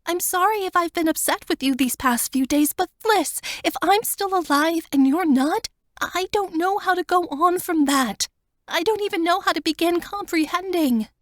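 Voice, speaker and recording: Playing Wanda, a devoted young woman tearfully begging her friend, the performer pushes her voice very high, well above her narrating voice. The delivery is moderately paced and a bit bright, in a dry, studio-quality recording.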